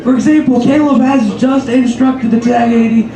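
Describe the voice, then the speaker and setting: A man's voice: very high-pitched, fairly even intonation, normal speed. A man working as tour guide and trainman, addressing passengers in a projected, ceremonious announcer's delivery. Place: aboard a train carriage. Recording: echoey, loud train noise.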